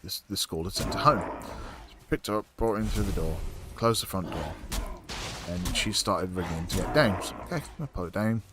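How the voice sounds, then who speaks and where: A man's voice: low-pitched, moderate pace, noisy background. A man streaming a game, chatting casually in a rambling way, swearing often and filling gaps with ums and likes. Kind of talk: casual chat while playing a game.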